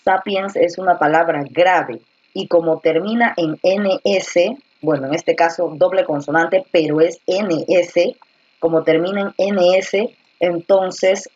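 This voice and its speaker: Woman teaching slowly over a lo-fi call. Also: fairly low pitch, a little mellow, no echo. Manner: explains patiently, repeats words slowly to stress syllables. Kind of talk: online class explanation. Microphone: computer or headset mic on a video call. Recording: dull dry lo-fi online class audio.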